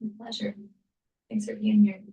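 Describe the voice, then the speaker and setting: A woman leading a somatic wellness workshop for a live group, speaking gently and often dropping to a near-whisper. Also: medium pitch, level tone, normal speed, lo-fi sound. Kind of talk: workshop teaching and Q&A. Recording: echoey room, mic far off.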